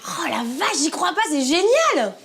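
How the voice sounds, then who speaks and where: A woman's voice: extremely high pitch, wildly swooping pitch, moderate pace, fairly bright tone, a little hiss or hum, heavily acted. An actress playing a whiny, demanding girlfriend in a scripted couple comedy, conversational with a nagging, dramatic edge. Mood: bemused.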